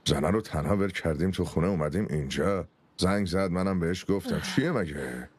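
A man's voice: low-pitched, slightly rough. An actor playing a stern father and clan leader, firm and commanding, vowing revenge in a dubbed drama. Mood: defensive.

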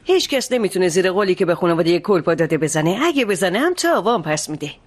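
A woman's voice: lowish voice, very animated. A woman dubbing a stern matriarch who defends her son in a television drama. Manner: stern, unyielding.

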